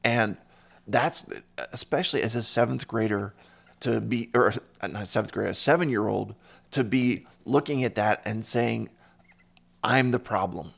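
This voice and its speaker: Gravelly-voiced man telling a story. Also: fairly low pitch, unhurried. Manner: storytelling, animated when quoting people. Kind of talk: casual interview conversation.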